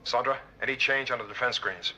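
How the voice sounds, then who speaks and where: An actor playing a tense, commanding moon base commander in a 1970s science fiction television drama. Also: male voice, mid-range voice, a little fast, slight background noise, rough recording. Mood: terse, commanding. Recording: loud dramatic score behind dialogue.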